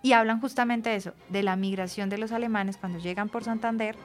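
A woman co-hosts a casual radio talk show. She explains things in an easy conversational flow at a middling pitch. Faint music runs under her voice. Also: fairly even intonation, fast. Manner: conversational, explains with gentle laughs. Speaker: radio co-host from an institute for the blind.

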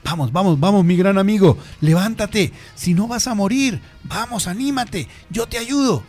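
A man's voice: high-pitched, moderate pace, soft background music, pitched above the performer's own voice. A man voicing a small male piglet who eagerly urges and cheers on a friend. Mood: encouraging. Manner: urging, cheering, climbing excitedly.

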